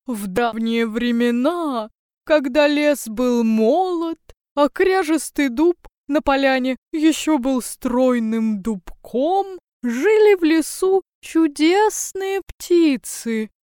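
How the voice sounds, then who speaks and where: A woman voicing a wise old owl with grey feathers, telling a tale in a slow, drawn-out, wondering tone in a storybook reading. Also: sits high, expressive, a little mellow, no echo, clean studio sound, pitched above the performer's own voice. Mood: wistful.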